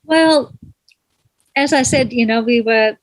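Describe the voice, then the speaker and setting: A woman in middle age, raised in Malaysia, talks in a gentle, reflective way, often pausing to search for the right word. Her voice sits a touch high. The sound is close and dry, with no room around it. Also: dry recording, low-quality recording. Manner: gentle, thoughtful, searches for words. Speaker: guest, kirtan singer. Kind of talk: reflective interview conversation.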